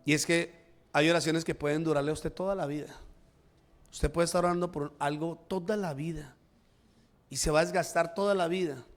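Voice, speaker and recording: A male pastor preaching a sermon in a church, with emphatic rises and drops, acting out the prayers he quotes. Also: on the high side.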